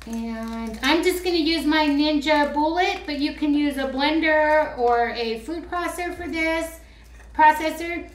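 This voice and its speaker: A woman's voice: high-pitched, unhurried. A woman vlogger chatting casually while making a craft, rambling and teasing herself as she goes. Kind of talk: casual how-to chat. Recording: roomy echo with faint clicks.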